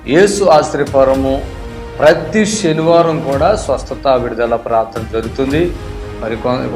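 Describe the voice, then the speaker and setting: A man making a steady, informative announcement for a ministry's prayer meetings. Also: medium pitch. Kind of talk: announcement of service times. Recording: roomy hall sound. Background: music.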